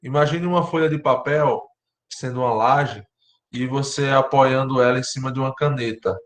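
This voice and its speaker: A Brazilian man lecturing architecture students online, explaining step by step and often checking in with his class, his voice going hoarse. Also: medium pitch, fairly even intonation, normal speed, echoey room. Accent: Brazilian Portuguese. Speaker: university lecturer.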